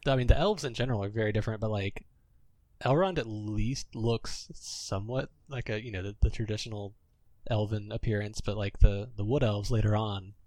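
A man's voice: fairly low pitch, brisk, darkish tone, no echo. A man in his thirties, a guest on a podcast, chatting casually and reminiscing, stammering a little. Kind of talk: casual chat about a film.

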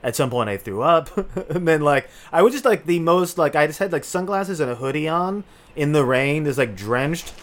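A man's voice: on the high side, expressive, moderate pace. A man co-hosting a podcast, telling a long, rambling story in casual chat, full of "like" and restarts. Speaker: podcast co-host.

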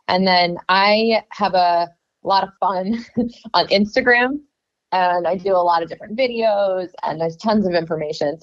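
A woman's voice: on the low side, lo-fi sound. A woman chatting casually as a guest on an interview podcast.

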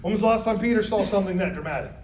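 Speaking very fast in a high voice with a darkish tone, a man runs a Bible study class in a conversational way, often turning questions to the group. It takes place in a classroom or church meeting room. The audio is dull lo-fi, roomy and distant, with faint noise.

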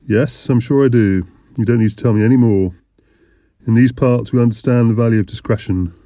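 A man's voice: mid-range voice, fairly quick, warm tone, no echo, close to an everyday voice. A man voicing a jovial, portly, middle-aged English innkeeper with a broad Lancashire accent and a teasing, conspiratorial manner.

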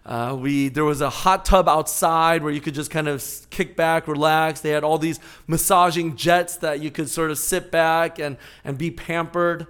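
A man in his forties, a pastor giving a sermon, telling a personal story in an animated, conversational way. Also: a little high, normal speed, hardly any pauses, clean tone.

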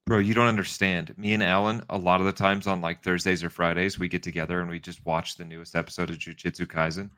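Bright-voiced man talking like a frat bro. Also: deep voice, little pitch movement, fast, few pauses. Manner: slangy frat-bro talk, full of "dude" and "bro". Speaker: podcast co-host. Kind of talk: casual banter.

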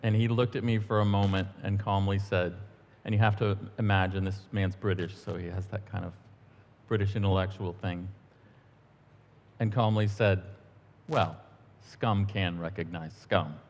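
A middle-aged man giving a relaxed, conversational sermon in church, telling stories with the odd um and aside. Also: lowish voice, normal speed. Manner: relaxed, storytelling, a few ums and asides. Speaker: church minister. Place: church sanctuary. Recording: long church-hall reverb.

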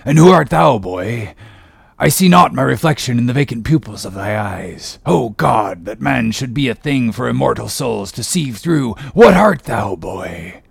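Man acting gravelly, commanding Captain Ahab. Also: mid-range voice, very animated, unhurried, no echo, clean studio sound, full character voice. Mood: anguished, tender. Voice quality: gravelly, husky. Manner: declamatory, archaic, commanding speech. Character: grandiose, brooding, tormented middle-aged male whaling captain. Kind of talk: dramatic audiobook character reading.

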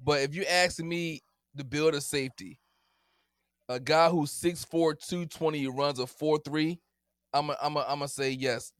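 A man's voice: a little high, fairly even intonation, unhurried, no echo, clean studio sound. A man co-hosting a podcast, debating football in a casual, teasing way and laughing often. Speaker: podcast co-host.

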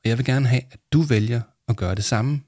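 A man reading a storybook and voicing a calm, warm adult mentor who speaks patiently. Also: mid-range voice, no echo, studio quality, close to an everyday voice. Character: calm kindly adult mentor, gently smiling.

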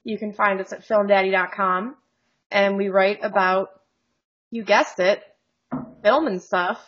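A woman's voice: medium pitch, steady tone, a little slow, lo-fi sound. A woman co-hosting a podcast in casual chat, joking and rambling with frequent laughs, over a video call. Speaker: podcast co-host.

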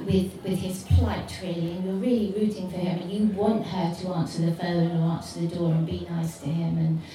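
A woman with a lowish, warm voice speaks briskly and flatly on a book club panel, rambling enthusiastically in a casual discussion. The room is echoey, the mic far off, with faint noise.

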